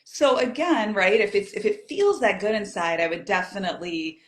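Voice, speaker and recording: A woman's voice: medium pitch, lively intonation, normal speed, echoey room. A woman chatting as an interview guest, telling stories and acting out her own past thoughts. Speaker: guest, community group founder. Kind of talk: casual interview chat.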